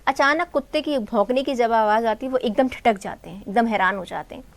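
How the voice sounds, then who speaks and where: High-voiced woman teacher explaining a story. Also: a little fast. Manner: asks questions and answers them herself; calls students "beta" and "bhai". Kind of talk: explaining a textbook story in Hindi.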